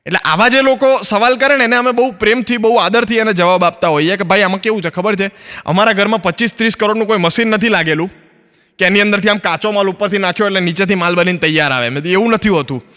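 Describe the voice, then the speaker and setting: A man from Ahmedabad, Gujarat, India, with an Ahmedabadi Gujarati accent performs stand-up on a stage filmed for a comedy recording. His high voice is quick, pushed and bright, trailing a long reverb. He chats away and plays both sides of his stories.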